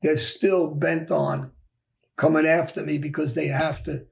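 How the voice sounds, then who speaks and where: A man's voice: a little high, little pitch movement, unhurried, gravelly, darkish tone. A man, a former mob figure, telling his story candidly in an interview, blunt and emphatic, often repeating his phrases. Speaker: former mob enforcer guest.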